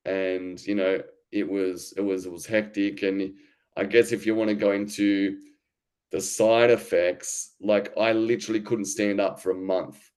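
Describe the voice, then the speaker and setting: Guy in his thirties, low and resonant, chatty and candid, telling his own story. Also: little pitch movement, a little slow, darkish tone, smooth. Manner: candid, informal, many fillers and restarts. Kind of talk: casual conversational storytelling.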